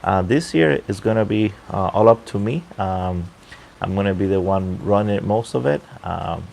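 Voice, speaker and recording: Low gravelly guy rambling on a late night livestream from his balcony, kinda halting, faint water noise behind him. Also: a little mellow. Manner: halting, unhurried, keeping his voice down. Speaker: livestream host and pipe hobbyist. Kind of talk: casual off-the-cuff livestream chat. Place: outdoor balcony at night near a pool.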